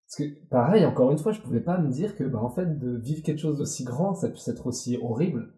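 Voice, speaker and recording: A very dark, mellow man's voice in an echoey room. He talks candidly and bluntly as an interview guest in his forties, swearing freely. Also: medium pitch, expressive, fairly quick. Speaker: guest, former Olympic athlete. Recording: roomy echo.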